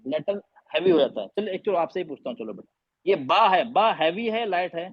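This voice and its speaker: Husky high-voiced man teaching over a call. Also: animated, dry recording. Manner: demonstrates letter sounds repeatedly and quizzes students. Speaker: Quran recitation teacher. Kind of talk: online class teaching. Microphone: video call. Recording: dull lo-fi online call audio.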